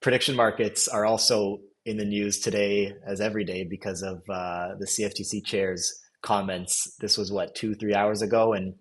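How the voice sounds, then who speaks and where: A man with a lowish voice hosts a casual podcast discussion. He rambles, backtracks, and laughs at his own jokes as he talks things through. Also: fairly even intonation, normal speed, hardly any pauses. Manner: rambling, laughs while mocking himself. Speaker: podcast host.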